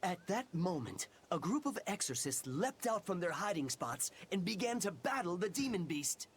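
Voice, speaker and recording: A frightened traveller in a video game, telling a dramatic tale. The pitch swings in a lively way, with faint noise and ambience behind. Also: normal speed. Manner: storytelling, dramatic. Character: frightened traveller recounting a monster sighting.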